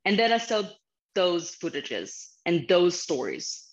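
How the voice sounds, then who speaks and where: A woman's voice: lowish voice, sing-song, slow pace. A woman in her thirties with a Ukrainian accent, speaking earnestly and from the heart as a guest speaker over a video call from a small office. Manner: earnest, heartfelt, slightly non-native phrasing. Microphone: video call webcam. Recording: slightly muffled video call audio.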